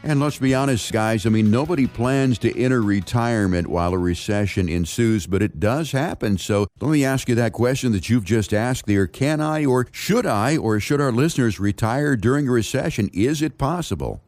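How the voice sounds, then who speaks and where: A man's voice: mid-range voice, lively intonation, moderate pace, few pauses, darkish tone. Chatty male show host. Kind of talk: casual radio show hosting.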